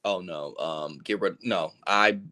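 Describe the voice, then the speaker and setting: Deep-voiced yet pushed and bright, a sports podcast host rants unhurriedly in a casual show. His exasperation runs hot, with swearing and teasing aimed at his co-hosts.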